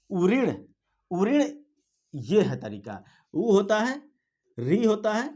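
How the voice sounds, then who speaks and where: A man teaching an exam-prep spelling lesson, repeating each word and explaining it step by step. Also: sits high.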